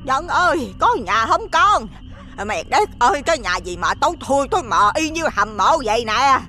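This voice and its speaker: A man voicing a nosy, superstitious old village woman with a Southern Vietnamese accent, loud and chattering. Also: very high-pitched, very animated, moderate pace, pitched above the performer's own voice, heavily acted. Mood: chatty.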